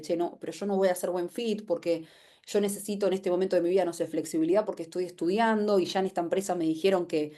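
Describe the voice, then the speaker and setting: Her voice is fairly low with a dark tone, and she speaks with an Argentine accent. As a webinar presenter giving an informal explanation, she keeps it conversational, poses rhetorical questions, and plays out imagined quotes.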